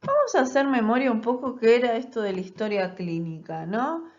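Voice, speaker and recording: Nurse lecturer woman, fairly high voice. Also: sing-song, fairly quick, a little mellow, highs cut off. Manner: explanatory, many rhetorical "¿no?" checks and fillers. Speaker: nursing lecturer. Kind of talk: recorded online class.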